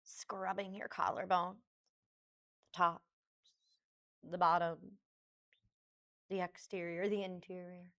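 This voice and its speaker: Her pitch is fairly low and her delivery flat as this woman, a yoga teacher, leads a guided meditation. She speaks gently and without hurry, in short phrases broken by pauses.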